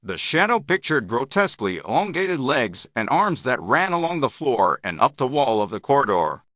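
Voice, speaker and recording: Bright-voiced man reading a story phrase by phrase. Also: medium pitch, big pitch swings, dry recording, lo-fi sound. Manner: measured phrase-by-phrase delivery with long gaps. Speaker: narrator of English shadowing practice. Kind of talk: scripted audiobook narration.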